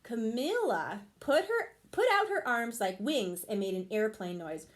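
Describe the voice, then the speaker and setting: A woman teacher reading a picture book aloud to her class and explaining the lesson, with expressive storytelling. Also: a little high, a little slow.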